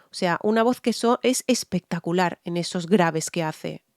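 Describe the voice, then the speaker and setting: A woman's voice: fairly low pitch, moderate pace, no echo, studio quality, soft background music. A woman from Spain with a Spanish accent, a vocal coach giving a candid, explanatory analysis of a singer's voice in a reaction video, often checking in with her listeners. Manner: frank, explanatory, frequent "¿vale?" check-ins.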